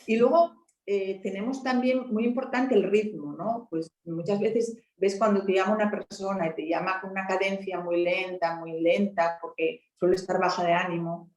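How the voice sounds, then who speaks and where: A woman's voice: mid-range voice, fairly even intonation, normal speed, few pauses, a little mellow. Woman explaining with many tag questions, echoey. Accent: Spanish from Asturias. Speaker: helpline volunteer speaker. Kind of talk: conversational talk.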